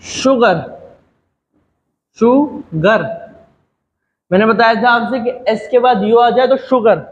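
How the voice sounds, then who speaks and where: A man's voice: extremely high pitch, steady tone, brisk, few pauses, highs cut off. A man teaching English pronunciation, saying each word over and over and contrasting it with common wrong versions. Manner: repeats each word many times, correcting mispronunciations. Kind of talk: pronunciation lesson.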